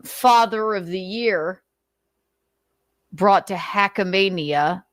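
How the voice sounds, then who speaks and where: A woman with a fairly low voice hosts, reading notes aloud and tossing in blunt, sarcastic, mocking remarks while swearing freely. The recording has no room sound.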